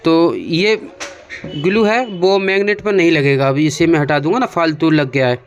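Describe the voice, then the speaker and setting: At normal speed and in a slightly high voice, an Indian-accented technician guides viewers through a hands-on repair, conversational and often going back over his instructions. The recording sounds muffled and has a clearly noisy background.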